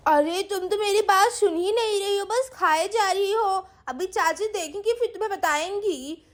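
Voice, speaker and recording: A woman's voice: very high-pitched, normal speed. A woman voicing a cheerful young village girl in a doll story, coaxing and pleading in a sing-song way.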